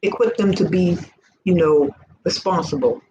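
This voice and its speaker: She's in her early sixties, with a lowish voice and a moderate pace, exhorting her viewers fervently and repetitively in the manner of a preacher. It's an informal faith vlog. The highs are cut off, and background hiss is noisy.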